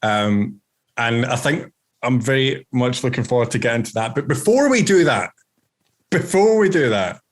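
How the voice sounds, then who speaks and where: Playful podcast host. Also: male voice, medium pitch, animated, normal speed. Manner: playful, teasing. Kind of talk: casual podcast chat.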